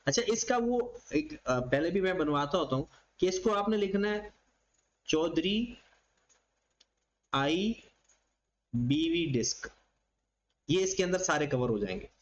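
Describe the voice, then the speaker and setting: Guy teaching a class, pretty high voice, keeps asking a question then answering it himself. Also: big pitch swings, brisk, hardly any pauses, highs cut off. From Pakistan. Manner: explains by asking and answering his own questions. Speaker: accounting lecturer. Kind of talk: classroom lecture.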